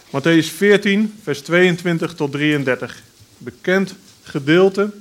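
A man reading Bible passages and praying aloud, in a measured, earnest way with pauses. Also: on the high side. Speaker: preacher. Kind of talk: scripture reading and prayer.

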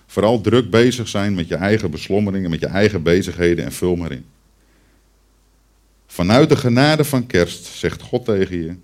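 A man's voice: low voice, darkish tone. A man preaching a Christmas sermon, speaking directly to the children and the congregation and telling them a story. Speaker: pastor.

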